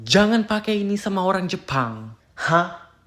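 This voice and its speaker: A woman's voice: fairly low pitch, animated, a little slow. A woman teaching everyday phrases in short comedic clips, acting each one out with playful exaggeration. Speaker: content creator teaching Japanese phrases.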